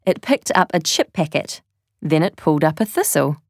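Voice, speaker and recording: A woman reading a children's story aloud as narrator, slow and deliberate. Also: low voice, big pitch swings, dry recording, studio quality.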